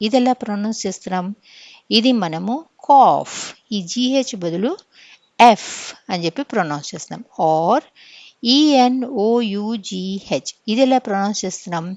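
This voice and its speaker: A woman teacher with a Telugu accent runs an English phonetics lesson for exam preparation. Her pitch sits in an ordinary middle range, and the recording is dry and close, with no room sound. She explains patiently, keeps asking "okay?", and spells words out slowly. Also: no echo, muffled recording. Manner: explains step by step, checks in with frequent "okay?".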